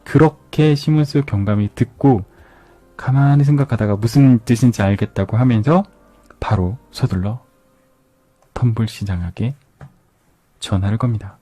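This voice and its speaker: A man calmly retelling a crime novel for an ASMR book review, often repeating phrases for effect. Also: mid-range voice, normal speed, long pauses, no room sound. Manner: calm storytelling with repeated phrases. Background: soft background music.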